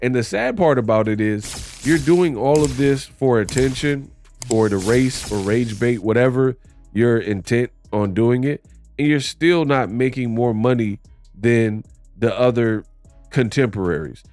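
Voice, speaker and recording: A man's voice: mid-range voice, a little slow, darkish tone, faint music behind. A man giving blunt, critical opinion commentary on boxing in a conversational way.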